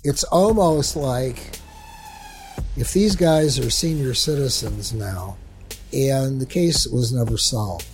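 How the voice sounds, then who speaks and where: A man's voice: mid-range voice, darkish tone. A man working as a cold case investigator, speaking bluntly in an interview and often repeating himself as he restarts his sentences. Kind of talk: candid interview.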